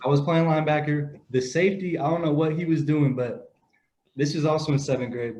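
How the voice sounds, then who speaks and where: A young man co-hosting a casual sports podcast, telling stories in a relaxed, rambling way with many fillers. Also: a little high, brisk, a little hiss or hum. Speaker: podcast co-host, grandson. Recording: dull lo-fi audio.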